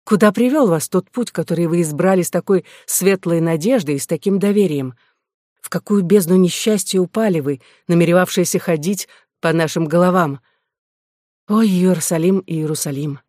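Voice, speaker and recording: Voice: mid-range voice, moderate pace, darkish tone, no room sound, studio quality, lightly acted. A reader voicing a worldly courtesan who lectures her sister in a reproachful, scolding way, in an audiobook of a classic novel. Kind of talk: audiobook reading.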